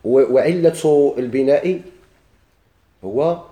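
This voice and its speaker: In an echoey room, a man with a Moroccan Arabic accent gives a grammar lesson, posing questions to students and answering them on his own. He speaks slowly in a mellow mid-range voice.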